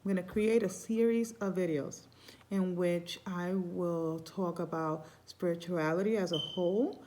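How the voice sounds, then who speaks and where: On her vlog, a Santeria priestess from Cuba, a middle-aged woman, talks in a loose, rambling spiritual style and frequently starts her sentences over. She speaks unhurriedly in a fairly low voice with fairly even intonation, and background noise can be heard.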